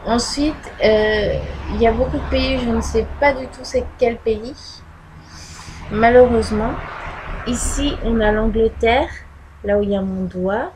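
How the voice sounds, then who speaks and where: A woman's voice: on the high side, unhurried, background noise. A woman presenting her postcard collection in a casual video, talking hesitantly with many fillers, recorded on a laptop microphone at home. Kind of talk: casual show-and-tell. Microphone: laptop built-in microphone.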